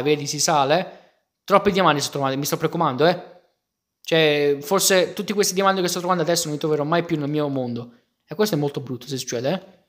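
Young man, excitable gaming commentary, chatty with viewers, fairly high voice. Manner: excitable, exclaiming, talks to viewers as "raga". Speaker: gaming youtuber. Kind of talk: casual Minecraft let's play commentary.

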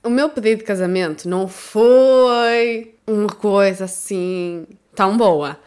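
Smooth-voiced Portuguese woman reacting. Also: medium pitch, unhurried, a little mellow. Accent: European Portuguese. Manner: chatty, candid, self-mocking. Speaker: reaction channel host. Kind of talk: casual reaction chat.

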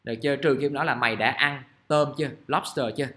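A man, teaching English grammar in a casual, chatty way and reading example sentences out slowly. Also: medium pitch, fairly even intonation, a bit bright. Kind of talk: casual classroom explanation. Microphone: recording device at his desk.

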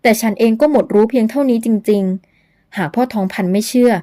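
A woman voicing a young male herbal doctor in an audio novel, earnest and measured, pleading gently. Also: fairly high pitch, natural voice.

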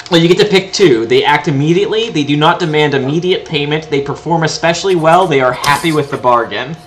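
A man running a tabletop game as game master, talking in a relaxed, hesitant way. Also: on the high side, quick pace.

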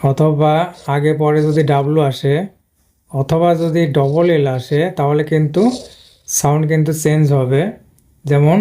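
A male English teacher talks through a lesson on screen. He explains patiently and repeats himself often. His voice is mellow and dark, and it stays on an even, flat pitch. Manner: patient, repetitive explaining with frequent "but" fillers. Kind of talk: screen-based video lesson.

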